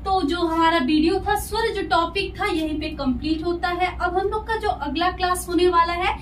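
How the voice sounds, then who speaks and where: A woman's voice: extremely high pitch, moderate pace. A woman teacher giving a lesson step by step, asking herself questions and then answering them patiently. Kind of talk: classroom lesson explaining step by step. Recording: echoey room, voice from a distance, faint noise.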